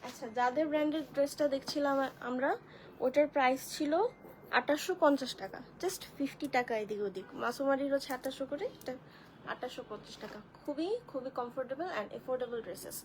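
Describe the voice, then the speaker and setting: A high-voiced woman hosts a live online clothing sale. She chats with viewers, greets them by name and walks through each dress. A faint noise runs under the recording. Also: fairly even intonation, quick pace, low-quality recording. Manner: chatty, addresses viewers as sisters, greets commenters by name. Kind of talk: live-stream product showcase.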